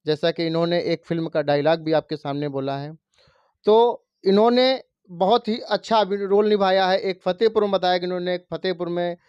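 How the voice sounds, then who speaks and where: A man's voice: high voice, fairly even intonation, normal speed, darkish tone, clean tone, no room sound. A man working as a news reporter, formally introducing a guest and asking questions. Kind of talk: news interview. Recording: slightly muffled, dry recording.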